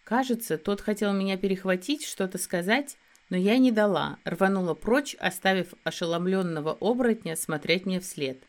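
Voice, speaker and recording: A woman narrating a first-person fantasy audiobook in a steady storytelling delivery. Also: medium pitch, normal speed.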